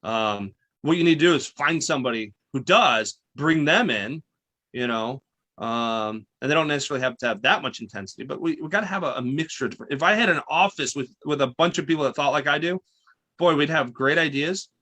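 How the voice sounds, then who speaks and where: A man in his forties, a guest financial advisor, chatting in an interview with intense, animated storytelling and frequent restarts. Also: a little high, fairly quick. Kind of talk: casual interview chat.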